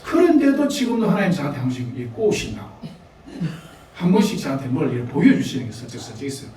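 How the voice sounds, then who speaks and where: A man's voice: on the high side, wildly swooping pitch, racing, dark tone, heavy reverb, recorded from a distance, a little hiss or hum, rough recording. A man with a Gyeongsang Korean accent preaching a sermon, talking conversationally to the congregation with laughs and asides. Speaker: pastor. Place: church sanctuary.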